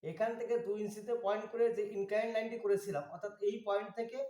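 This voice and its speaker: High-voiced man teaching technical drawing. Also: steady tone, warm tone, reverberant. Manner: slow, methodical, pointing out each step. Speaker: drawing instructor. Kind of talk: step-by-step drawing tutorial.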